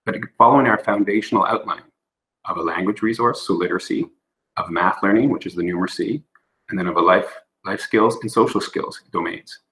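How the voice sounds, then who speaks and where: A middle-aged man with a notably deep voice walks a board through examples over a video call. He explains patiently, often restarting phrases and using fillers. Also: a little fast, a bit bright, poor audio. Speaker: school board administrator presenting. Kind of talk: presentation at a remote board meeting. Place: indoor room on a video call.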